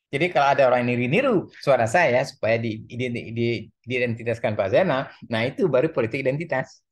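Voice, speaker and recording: A man's voice: medium pitch, fairly quick. A middle-aged man with an Indonesian accent giving a casual university lecture, rambling, repeating words and laughing at his own jokes.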